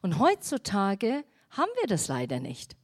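A woman's voice: mid-range voice, huge pitch swings, normal speed. A woman pastor giving a sermon, speaking emphatically and putting questions straight to the congregation. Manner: addresses the congregation directly with questions.

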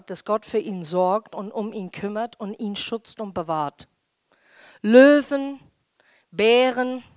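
Woman pastor, animated sermon delivery, slow and deliberate, dry close sound. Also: a little high, dry recording. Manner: animated, acts out quoted voices.

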